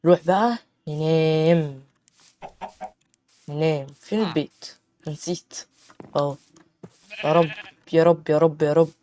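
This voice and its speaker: Excitable Egyptian man playing a game. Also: on the high side, measured pace, pauses often. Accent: Egyptian Arabic. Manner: chatty, bursts into panicked shouting. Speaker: gaming channel host. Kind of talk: game commentary let's-play.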